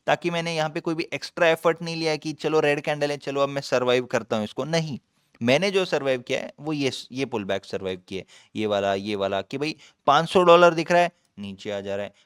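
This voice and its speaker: A man's voice: fairly high pitch, clean tone, no echo, clean studio sound. A young man giving live trading commentary as a channel host, talking in an emphatic, repetitive way and calling the viewer brother. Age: young adult.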